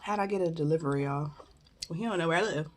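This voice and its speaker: A woman's voice: low-pitched, quick pace, slight background noise. A woman chatting casually through storytime, talking with her mouth full as she eats and using informal, slangy phrasing. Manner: informal slangy storytelling, acting out quoted dialogue. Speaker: vlogger telling personal stories. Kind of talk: casual storytime mukbang chat.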